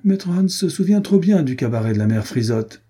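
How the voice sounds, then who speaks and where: A man voicing a bold, teasing young nobleman, in a husky voice set well above his own. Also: on the high side, animated, moderate pace, warm tone, pitched above the performer's own voice. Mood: mocking. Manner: brash, teasing.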